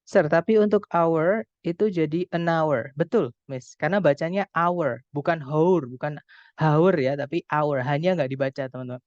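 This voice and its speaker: A young Indonesian man tutoring an online English grammar class, explaining slowly and patiently with many examples. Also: fairly high pitch, a little mellow, no echo. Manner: patient, explains slowly, often addresses students as friends. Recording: dull dry call audio.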